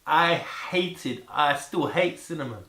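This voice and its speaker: A man chatting casually and excitedly to camera about food, rambling and repeating words for emphasis. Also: a little high, slow pace. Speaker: vlogger presenting food to camera. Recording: echoey room with faint background noise.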